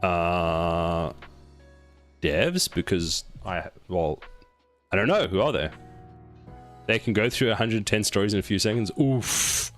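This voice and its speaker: A man with a fairly low voice talks casually on a live stream as he builds a game, coaxing and scolding his code like a misbehaving pet. His delivery is loose and playful. Soft music runs quietly behind him. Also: takes it slowly, long pauses. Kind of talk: casual live-stream chat while coding.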